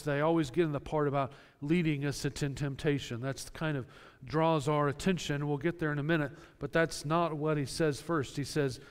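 A man's voice: fairly high pitch, smooth. A male pastor preaching a sermon, earnest and direct, explaining scripture with plain everyday examples. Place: church sanctuary. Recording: long church reverb.

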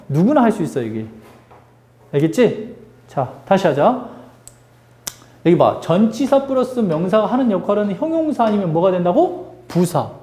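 A male English teacher leads a lively grammar lesson in the classroom, drilling students with call-and-response questions and teasing them. His voice is high-pitched, and the room sounds echoey.

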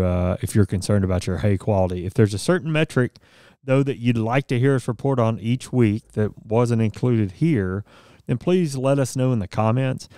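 A man's voice: on the low side, dark tone, smooth, dry recording. A man in his thirties co-hosting a farm news podcast in a small studio, talking casually and reading crop statistics with frequent fillers. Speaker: podcast co-host. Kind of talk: casual radio-style news chat. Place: small studio office with bookshelves. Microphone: studio mic on boom arm, headphones.

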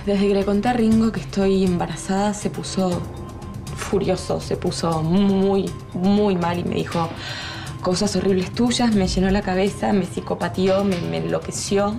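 A woman's voice: mid-range voice, fairly even intonation, moderate pace, gravelly, over music, close to an everyday voice. An actress playing a distraught pregnant woman in a telenovela, with a Rioplatense accent, speaking in a bitter and accusing way. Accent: Rioplatense Spanish. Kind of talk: telenovela acting.

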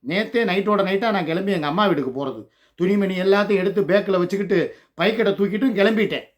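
An older man with a high, raised voice talks straight to his viewers in an emotional vlog rant. He moves from scolding to pleading, loud and worked up throughout. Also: quick pace. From Tamil Nadu, India. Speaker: channel host.

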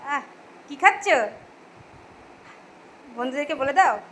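A woman's voice: high voice, lively intonation, slow pace, bright, forceful tone, slight background noise. A woman talking to her toddler in playful, coaxing baby talk, teasing and singing. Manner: sing-song, coaxing and teasing. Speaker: vlogger talking to her child.

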